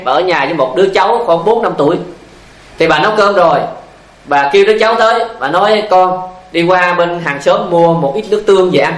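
In an echoey room, a male Buddhist monk with a high, slightly bright voice delivers a dharma talk, a sermon full of anecdotes. He repeats himself, poses rhetorical questions, and tells stories. The recording quality is low.

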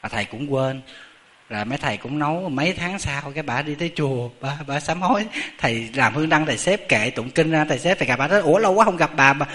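Middle-aged Southern Vietnamese monk, bright voice, lively anecdotal sermon style. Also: male voice, a little high, fast. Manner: animated, chatty, addresses the audience often. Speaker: Buddhist monk. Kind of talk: storytelling sermon.

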